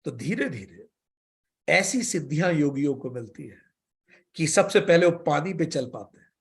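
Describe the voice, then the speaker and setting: A man teaching yoga philosophy in a spiritual lecture, guiding with questions and stories and reciting sutras slowly. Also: a little high, expressive. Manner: slow, measured recitation of sutras.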